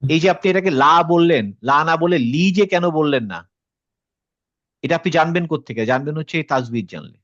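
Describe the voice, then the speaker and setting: A man leads an online class with a slightly raised pitch and a patient, explaining manner. He checks often that his students understand. The sound is dry and dull, as on a lo-fi video call. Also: lively intonation, fairly quick, fairly bright tone, no echo. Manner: explains patiently, mixes in English words, asks students questions. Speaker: Quran tajweed teacher.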